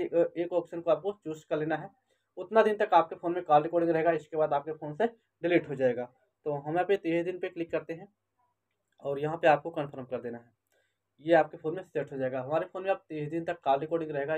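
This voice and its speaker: In a lo-fi recording, a man with a slightly high, somewhat mellow voice narrates a phone tutorial one step at a time. As the host of his tech YouTube channel, he calls viewers his friends and goes over instructions more than once.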